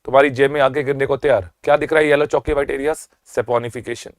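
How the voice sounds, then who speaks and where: Speaking at a steady mid-range pitch with an Indian accent, an energetic medical exam lecturer fires off a fast revision lecture, poses questions to the class, answers them himself, teases, and slows down on key terms. No echo here; the sound is close and dry.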